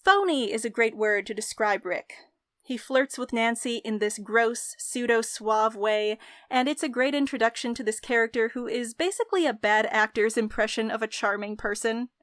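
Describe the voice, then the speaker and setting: A young woman narrating a scripted game review in an articulate, measured way. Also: a little high, a bit bright, dry recording, studio quality. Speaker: video essayist, game reviewer.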